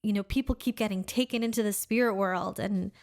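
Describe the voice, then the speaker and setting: A woman's voice: medium pitch, steady tone, fairly quick, darkish tone. A woman co-hosting a podcast, chatting casually with lots of laughter and filler words. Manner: chatty, laughs often, many "like"s and "you know"s. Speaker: podcast co-host. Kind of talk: casual chat.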